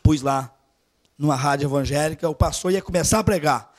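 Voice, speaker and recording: A man with a Brazilian accent preaches at a church service, telling a story from his own life. His voice sits high for a man and stays lively, sinking to near-whispers before rising into loud exhortation. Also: a little fast. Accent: Brazilian Portuguese. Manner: animated, swings from hushed asides to loud urging. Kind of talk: storytelling sermon.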